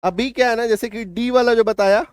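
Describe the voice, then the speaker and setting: High-voiced man teaching spelling rules. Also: a little fast, clear, resonant tone, dry recording. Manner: repeats key points with rhetorical questions. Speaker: English teacher. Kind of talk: spoken spelling lesson.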